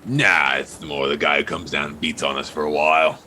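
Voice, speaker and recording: Man putting on a gruff, irritable, low-voiced dwarf prisoner. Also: fairly even intonation, fairly quick, bright, forceful tone, a little hiss or hum, full character voice. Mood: curt, wary. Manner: curt, bickering.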